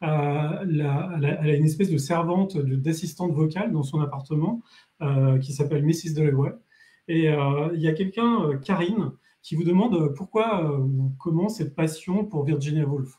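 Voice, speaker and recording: A man interviewing an author, asking questions in a halting way with fillers. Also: fairly high pitch, dark tone. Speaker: interviewer host.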